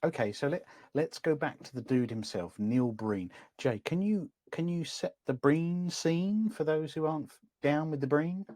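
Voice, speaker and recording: A man's voice: on the high side, moderate pace, few pauses, dark tone, dry recording. Hesitant, wry male podcast co-host. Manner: hesitant, many ums and uhs, wry. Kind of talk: casual film-review chat.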